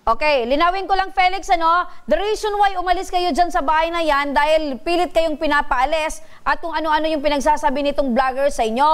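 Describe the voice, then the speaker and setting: High-voiced woman radio host, probing, clarifies and sums up answers. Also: fairly quick. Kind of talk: radio interview.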